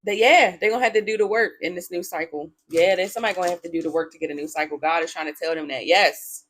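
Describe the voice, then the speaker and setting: A woman's voice: lowish voice, fast, fairly bright tone, a little hiss or hum. A woman giving a casual tarot reading to her viewers, blunt and profane, often breaking into laughter. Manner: talks straight to her viewers. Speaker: tarot reader.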